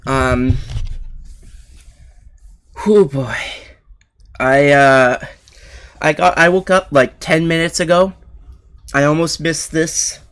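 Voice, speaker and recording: Excited young man streaming live. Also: on the high side, slow, pauses often, smooth. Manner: excited, rambling with many fillers.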